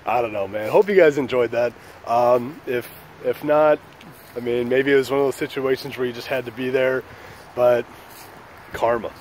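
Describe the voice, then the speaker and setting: A man's voice: medium pitch, a little slow, pauses often, a little mellow, slight background noise. A man hosting his own channel, telling a story in a loose, joking, profane way. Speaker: channel host. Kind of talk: casual storytelling vlog.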